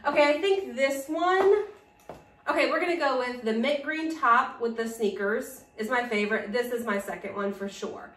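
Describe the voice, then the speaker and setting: A woman talks casually to camera in an upbeat style vlog, with plenty of "like" fillers. Her voice sits a little high. She is recorded from a tripod some distance away in a roomy, echoey space at home. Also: moderate pace, fairly bright tone. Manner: chatty and upbeat, with frequent "like" fillers. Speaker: fashion vlogger. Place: room at home, filming on a tripod.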